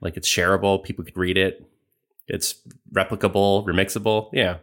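A man co-hosting a discussion, explaining ideas in an animated way with rising emphasis. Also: low-pitched, moderate pace.

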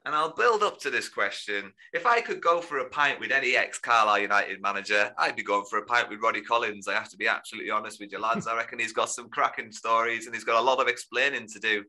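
A man's voice: medium pitch, fast, hardly any pauses, pushed and bright. A man hosting a casual football podcast, rambling and joking and laughing often. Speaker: podcast host.

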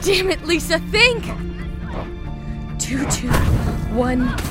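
An actress playing a frightened, stubborn young woman in a survival horror drama, with a strained, halting delivery. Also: very high voice, very animated, full character voice. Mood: tense concentration. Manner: halting, strained, exclamatory outbursts. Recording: very loud music over the voice.

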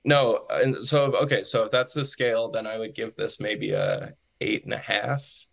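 A man's voice: on the low side, very animated, moderate pace, vocal fry, fairly bright tone. A man chatting as a podcast guest over a remote call, rambling with lots of fillers and frequent laughs. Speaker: podcast guest, comedian and filmmaker. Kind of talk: casual interview chat. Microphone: remote call recording.

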